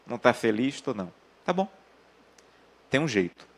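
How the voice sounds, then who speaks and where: A man's voice: mid-range voice, very animated, normal speed. A man preaching an earnest sermon and telling personal family stories. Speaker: pastor.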